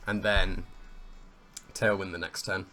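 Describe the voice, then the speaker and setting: Soft background music plays as a man slowly talks through his own competitive match in casual play-by-play. His low, level voice is slightly hoarse, croaky, pushed and bright, and he thinks aloud, weighs his options and finds his own plays funny.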